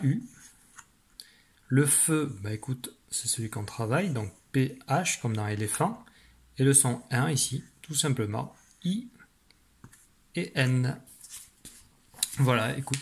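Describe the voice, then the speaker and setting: A man teaching a children's dictation lesson, patiently spelling words syllable by syllable. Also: medium pitch. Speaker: primary school teacher.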